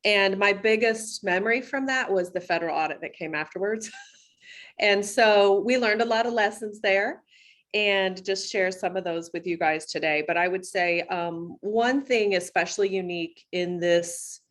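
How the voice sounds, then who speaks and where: A woman's voice: mid-range voice, normal speed, a bit bright. A middle-aged woman with an American accent, speaking as a school superintendent and webinar guest, explaining things in a conversational professional way.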